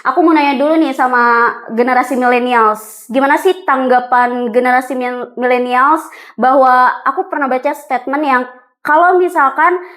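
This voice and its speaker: A young woman hosting a casual podcast chat, chatty with many fillers. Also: high voice. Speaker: podcast host.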